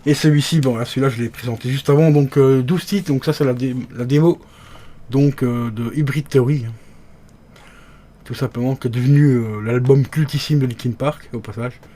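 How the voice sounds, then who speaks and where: A man's voice: medium pitch, steady tone, moderate pace, warm tone. A man casually commenting an unboxing for his viewers, chatty and hesitant, with many fillers and restarts, his voice moving closer and farther from the mic. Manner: talks to viewers as friends. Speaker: unboxing youtuber.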